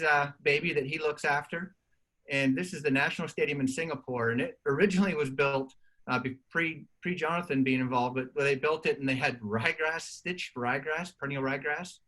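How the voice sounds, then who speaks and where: A man's voice: medium pitch, a bit bright, rough recording. A man presenting turfgrass research in a webinar, in a conversational way with frequent restarts.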